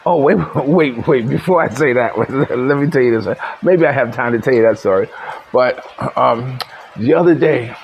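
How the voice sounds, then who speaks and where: A man's voice: medium pitch, moderate pace, creaky, muffled recording, a little hiss or hum. A man vlogging in a casual, rambling storytelling monologue, full of fillers and restarts and chuckling at his own stories. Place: living in the Philippines.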